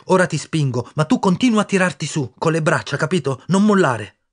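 Audiobook figure: a desperate young boy, urgent and pleading, husky and pitched up high, as a male reader puts him on. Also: lively intonation, a little fast.

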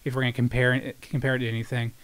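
A man, a guest in a casual fishing podcast, easygoing and quick to agree. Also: medium pitch, little pitch movement, clean tone. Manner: easygoing, frequent agreeing yeahs. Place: wood-paneled studio room. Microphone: boom mic on desk arm.

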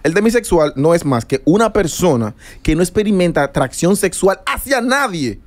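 A man with a high, lively voice that swoops up and down as he explains things earnestly on a radio comedy show. He laughs often and talks into a studio mic. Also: moderate pace. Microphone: studio mic with headphones.

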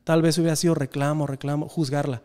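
A man's voice: fairly high pitch, level tone, fast talker, mellow, clean tone. A Mexican man in his thirties, talking earnestly and reflectively in a casual podcast conversation. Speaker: podcast guest.

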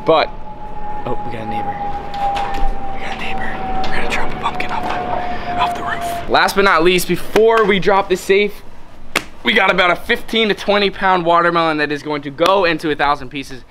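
A man in his twenties vlogging outdoors on a rooftop, talking in an excited, hyped way with casual swearing. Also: high-pitched, moderate pace, heavy background noise. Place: outdoors on a house roof and driveway.

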